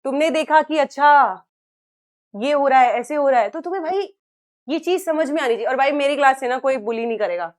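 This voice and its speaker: Young woman teacher, high voice, earnest and coaxing, class lecture. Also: fairly quick. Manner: earnest, coaxing, mixes Hindi and English.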